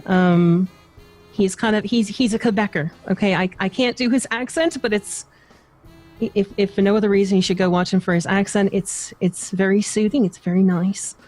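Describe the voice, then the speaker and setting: A woman's voice: medium pitch, fairly even intonation, moderate pace, a little mellow, soft background music. Bantering woman streamer on a podcast. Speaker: streamer and caster. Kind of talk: casual podcast chat.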